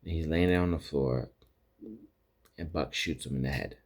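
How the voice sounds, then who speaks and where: A man's voice: rumbling low, moderate pace. A man hosting a podcast, casually retelling TV episodes in a rambling way with many restarts and acted-out quotes. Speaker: podcast host recapping TV episodes. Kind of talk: casual recap chat.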